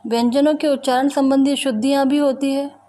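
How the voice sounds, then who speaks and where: A woman teacher with an Indian accent giving a recorded grammar lesson, deliberately repeating each example word. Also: high voice, steady tone, dark tone. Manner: slow, deliberate, repeats example words one by one. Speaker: school teacher.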